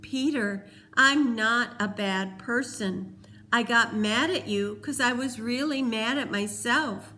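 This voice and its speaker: A woman's voice: fairly high pitch, slow pace, sharp tone, voice pushed up. A woman reading aloud voices a remorseful teenage boy who pleads earnestly. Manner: pleading, earnest, then whispering.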